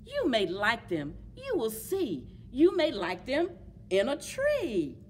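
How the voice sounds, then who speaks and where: A woman's voice: fairly high pitch, wildly swooping pitch, takes it slowly, a little hiss or hum, exaggerated voice. A woman voicing a pushy, eager storybook creature who coaxes with insistent, rhyming questions. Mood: coaxing. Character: pushy, eager creature Sam offering food. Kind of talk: rhyming picture-book read-aloud. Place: public library children's book corner.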